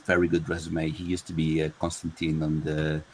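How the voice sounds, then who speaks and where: A man co-hosting a casual gaming podcast, speaking in a measured, hesitant way full of fillers. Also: extremely low pitch, completely flat delivery, a little hiss or hum, poor audio. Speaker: podcast co-host.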